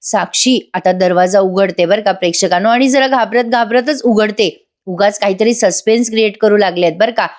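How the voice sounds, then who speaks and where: A woman's voice: mid-range voice, moderate pace. A woman hosting a voice-over review, recapping a TV serial and chatting to viewers with wry asides. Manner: chatty, addresses viewers, comments wryly.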